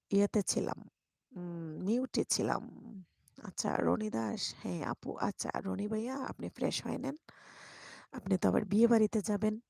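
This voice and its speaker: Woman streamer, quiet bedside live chat, husky dark voice, dry close mic. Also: mid-range voice, no room sound. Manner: speaks softly and quietly so a sleeping baby stays asleep. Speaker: live streamer greeting viewers. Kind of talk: casual live chat, reading comments. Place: bedroom, lying on the bed beside her baby. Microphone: microphone.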